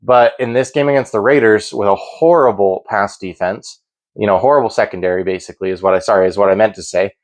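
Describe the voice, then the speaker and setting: A man's voice: fairly low pitch, fast. A man hosting a sports betting show, giving informal, opinionated commentary in a conversational way.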